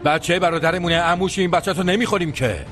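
An actor playing a coarse, threatening uncle just out of prison, bullying and rough. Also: male voice, high voice, soft background music. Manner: rough, bullying, shouting in anger. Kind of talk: film drama dialogue.

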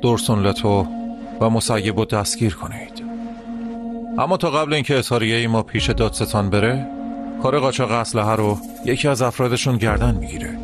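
A man's voice: on the low side, over music, natural voice. A man dubbing a defiant young man who speaks firmly to a commander in a television drama. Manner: defiant, firm.

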